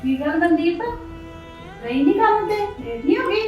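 Woman as a stern mother in a family drama, high voice, scolding, scolding tone throughout. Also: big pitch swings, moderate pace, heavy reverb, far from the mic, faint music behind, rough recording. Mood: concerned. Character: scolding middle-aged mother of a teenage son. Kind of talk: family web drama acting.

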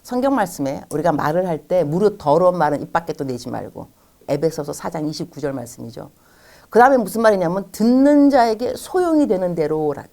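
Woman teaching a lesson, really animated, pitch jumps around, plays out the lines people say. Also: a little fast. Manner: animated, acts out quoted dialogue in shifting voices. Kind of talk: lecture-style talk.

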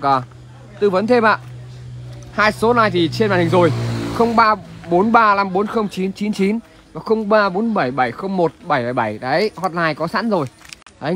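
A man with a northern Vietnamese accent pitching as a used car salesman on a livestream, chatting to viewers with repeated filler tags. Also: fairly bright tone. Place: large covered open-air car lot at night. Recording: noisy outdoor car lot ambience.

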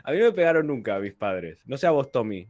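A man's voice: mid-range voice, very animated, fast talker, a little mellow, no room sound, lo-fi sound. A man from Spain with a Spanish accent, chatting casually on a call and explaining his views at length.

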